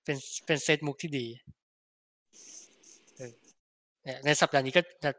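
A man co-hosting a casual film podcast, talking bluntly with crude slang and many halting restarts. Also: medium pitch, steady tone, a bit bright, no room sound, clean studio sound. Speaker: podcast co-host.

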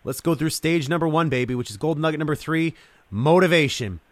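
A man's voice: on the high side, brisk, no echo. Hyped-up male podcast host. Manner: hyped, calls guest "man" and "brother". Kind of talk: enthusiastic podcast interview.

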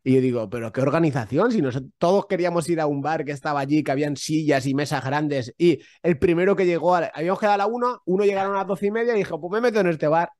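A man co-hosting a podcast, spinning an anecdote with animated, quick bursts of speech. His voice sits somewhat high for a man, and the recording is dry and close with no room sound. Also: no echo. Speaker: podcast co-host. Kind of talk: casual podcast storytelling.

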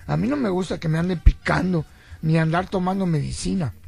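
A man's voice: sits high, fairly quick, gravelly, darkish tone, husky. A man with a Mexican accent, a comedy co-host who chimes in and finishes the other man's sentences. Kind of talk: comic banter.

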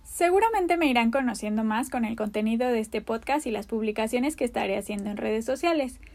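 In her thirties and speaking with a Mexican Spanish accent, this woman hosts her own podcast and introduces herself openly. Her voice sits on the high side, expressive and brisk, and her personal monologue comes across as earnest and warm.

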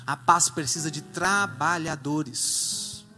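A man preaching a sermon as a dramatic, animated storyteller in a church. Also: a little high, takes it slowly, long reverb tail, faint music behind.

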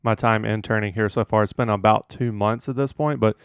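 A man's voice: lowish voice, steady tone, fairly quick, smooth, no room sound, clean studio sound. A young man hosting an interview podcast, eager and a little stumbling, with frequent "uh". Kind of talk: casual interview.

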